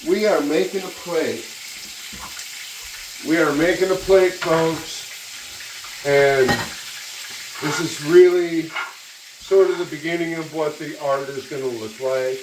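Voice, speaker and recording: The voice is far from the mic in a roomy, echoey kitchen with frying noise. It belongs to a giggly, tipsy cooking host who talks at an unhurried pace. The delivery is casual and exclamatory, with plenty of cursing. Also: mid-range voice, fairly even intonation. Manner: giggly, tipsy rambling with frequent laughter; profane, exclamatory. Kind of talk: casual cooking demonstration to camera. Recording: echoey, distant mic, loud sizzle noise. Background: frying sizzle and stirring.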